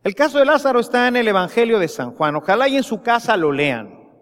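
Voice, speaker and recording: A man with a Mexican accent preaching a sermon, slow and emphatic, rising into impassioned pleas. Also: very high voice, sing-song, in a large hall. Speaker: priest.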